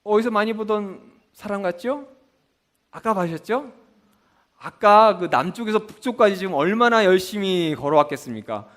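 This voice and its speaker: A man's voice: sits high, expressive, moderate pace, fairly bright tone. A man teaching a Bible school lesson with memory tricks, often asking the class a question and then answering it himself. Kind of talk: mnemonic lesson with call-and-response questions.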